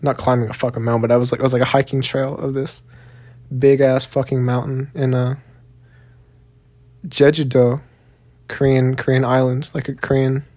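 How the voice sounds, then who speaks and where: A young man from Texas, USA, with a Southern Texan accent hosts a solo podcast, rambling in a laid-back, profane way packed with fillers. His medium-pitched voice has a darkish tone and a level delivery at a moderate pace, with long pauses.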